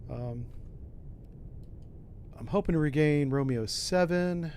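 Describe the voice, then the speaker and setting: A man's voice: a little high, slow pace, darkish tone, a little hiss or hum. A man doing casual commentary on a submarine game, thinking aloud with mild exclamations. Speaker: gamer, host.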